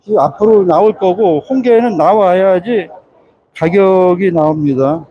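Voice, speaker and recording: A man's voice: high voice, measured pace. A man casually explaining crab prices while live-streaming on his phone from a busy indoor fish market. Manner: casual explanatory, talks over auction noise. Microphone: phone held while filming. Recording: muffled phone audio, loud crowd.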